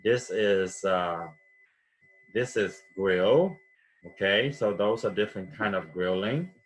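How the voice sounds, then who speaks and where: A Vietnamese man with a low, slow voice leads a classroom vocabulary lesson. He teaches patiently, repeating words and checking in with "okay?"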